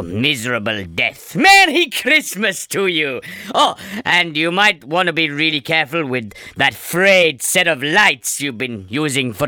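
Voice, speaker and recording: Brief: male actor as a sarcastic talking Christmas tree, bright and crisp, dry studio. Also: a little high, no echo, full character voice. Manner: mock-cheerful, darkly sarcastic. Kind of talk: comedy radio sketch.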